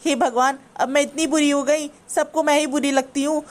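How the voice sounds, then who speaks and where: Brief: a woman as a high-voiced, complaining cartoon mother-in-law. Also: steady tone, moderate pace, lightly acted. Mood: scolding. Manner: scolding, complaining. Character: bossy scolding older mother-in-law. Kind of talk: cartoon voice acting.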